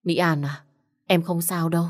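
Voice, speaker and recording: A woman's voice: on the low side, fairly even intonation, moderate pace, close to an everyday voice. A woman voicing a scared young husband who keeps soothing and reassuring his wife. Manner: soothing, urgent.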